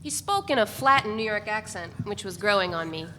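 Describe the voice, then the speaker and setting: Reading aloud from a novel at a live event, the female narrator keeps her mid-range voice steady and measured. The event space gives her a long echo, and a faint hiss runs underneath.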